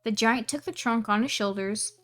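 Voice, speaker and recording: A woman's voice: on the high side, moderate pace, a bit bright. A woman streamer casually reading a storybook aloud, giggling and adding asides on the text.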